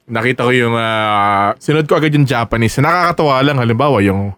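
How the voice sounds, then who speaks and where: A man's voice: medium pitch, a little fast, no room sound. A Filipino man co-hosting a podcast, chatting casually and animatedly. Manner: animated, quotes lines in put-on voices. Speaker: podcast co-host. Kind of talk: casual chat.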